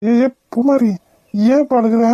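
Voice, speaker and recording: A woman's voice: a little high, fairly even intonation, measured pace, mellow, dull audio, slight background noise, natural voice. A woman voicing a playful, blunt young village man in a cartoon, with a brusque, teasing delivery. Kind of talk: cartoon voice acting.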